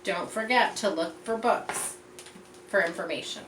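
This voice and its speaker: Reading a picture book to children, a medium-pitched woman tells the story expressively like a teacher, stopping for explanatory asides and pointing things out. A distant mic picks up roomy echo and faint background noise.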